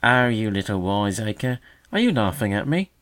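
A man's voice: on the low side, big pitch swings, moderate pace, fairly bright tone. A man voicing a conceited older male magpie who mocks with fake solemnity, raised and pointed. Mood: mocking. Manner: sneering mock solemnity.

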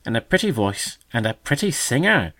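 A man's voice: medium pitch, big pitch swings, moderate pace, sharp tone, voice pushed up. Man doing a magpie, male, older, conceited, mocking, mock-solemn, raised voice.

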